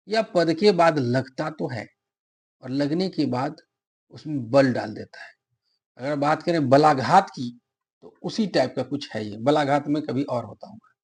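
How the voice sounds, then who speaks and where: A middle-aged male teacher with a husky, slightly high voice. He explains grammar patiently, asks a question and then answers it himself, and works through spoken examples. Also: a little mellow. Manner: asks viewers to subscribe and comment. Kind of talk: Hindi grammar lesson for exam prep.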